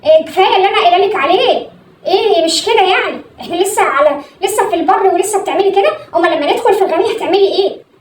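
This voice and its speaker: A woman playing a pushy, boastful mother showing off her dim son as a groom, with an Egyptian accent and gushing, shrill outbursts. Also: lively intonation, rapid-fire. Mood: offended. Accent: Egyptian Arabic. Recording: echoey room, mic at distance, faint hum.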